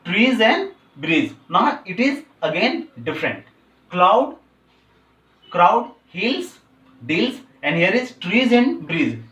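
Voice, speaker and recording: A male teacher, explaining a poem to a class, who switches between slowly drawn-out English and quicker Hindi. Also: sits high, very animated, a bit bright, far from the mic. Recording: roomy, from off the mic.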